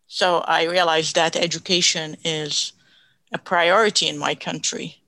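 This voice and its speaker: Iraqi woman, Arabic accent, earnest interview guest, bright and dry. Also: low voice, steady tone, a little slow, no room sound. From Iraq. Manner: earnest, with restarts and non-native grammar. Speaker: guest, physician. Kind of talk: reading and interview answers.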